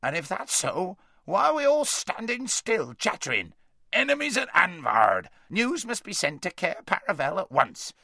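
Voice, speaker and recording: Man putting on a loud blustery dwarf, raised pitch, shouty and impatient. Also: huge pitch swings, moderate pace, creaky, dry recording, studio quality, exaggerated voice. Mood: urgent. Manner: roaring, blustery. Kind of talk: audiobook character voice.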